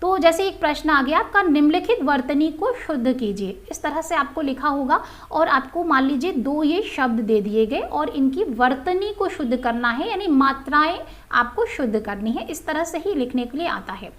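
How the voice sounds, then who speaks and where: A woman's voice: high-pitched, expressive, moderate pace. A woman Hindi teacher giving a recorded grammar lesson to students. She talks patiently, often checks in with the class, and says example words aloud with stress. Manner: patient, repeats "ठीक है" often and addresses students as "बच्चों".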